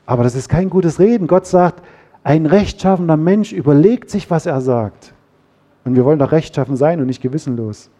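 A man preaching a sermon, lively, acting out quarrels in quoted voices. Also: a little high, normal speed. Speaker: pastor.

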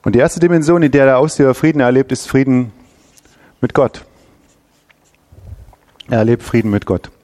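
A man preaching a sermon in an animated way, repeating phrases for emphasis and sometimes correcting himself. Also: medium pitch, moderate pace, long pauses. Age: adult father.

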